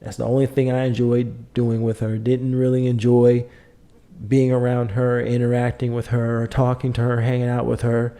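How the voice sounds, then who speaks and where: Middle-aged male podcast host; mid-pitched, warm dark timbre; emphatic, repetitive, lecturing delivery. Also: completely flat delivery, moderate pace. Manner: emphatic, lecturing, repeats points. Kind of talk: opinionated monologue.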